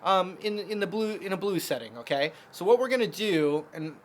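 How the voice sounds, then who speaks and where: A man's voice: high voice, brisk. A man teaching a casual guitar lesson, explaining chords step by step with lots of fillers.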